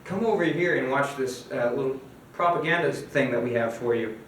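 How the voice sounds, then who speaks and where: A man's voice: mid-range voice, a little fast, fairly bright tone, a little hiss or hum, natural voice. A man doing a coaxing, slick recruiter. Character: smooth, persuasive well-dressed male recruiters. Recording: echoey room, mic at a distance.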